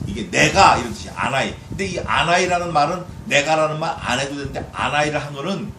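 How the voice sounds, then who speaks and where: A male pastor giving an expository sermon, preaching with lively emphasis and acting out dialogue. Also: on the high side, quick pace, slight background noise. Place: church sanctuary. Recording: echoey church hall, distant mic.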